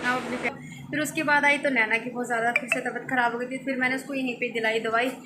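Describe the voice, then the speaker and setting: A woman's voice: a little high, fairly even intonation, fast talker. A woman vlogging in a casual comedic way, teasing and often laughing as she talks, outdoors. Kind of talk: casual comedy vlog narration. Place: outdoors, dusty and sunny. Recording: noisy background.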